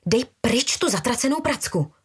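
A woman voicing a sharp, defiant teenage girl who snaps back irritably. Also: on the high side, very animated, breathy edge, pitched above the performer's own voice, exaggerated voice. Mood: irritated. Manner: snappish.

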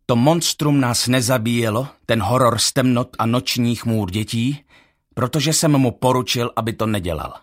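A man reading a first-person audiobook in a measured, tense storytelling manner. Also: lowish voice, breathy edge. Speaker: audiobook narrator.

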